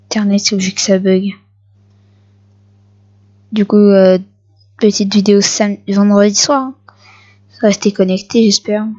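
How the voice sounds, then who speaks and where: A woman giving casual gameplay commentary for her video channel, excitable and repeating short phrases at the game. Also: medium pitch, a little slow, pauses often, highs cut off. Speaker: gaming video creator.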